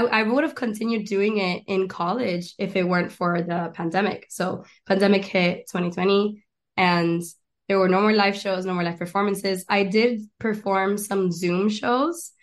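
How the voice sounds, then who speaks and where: A woman's voice: mid-range voice, fairly even intonation, unhurried. Chatty young woman guest. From Miami and Argentina. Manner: chatty and eager, lists things, frequent restarts. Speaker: guest, actress and stand-up comedian. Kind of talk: casual interview chat.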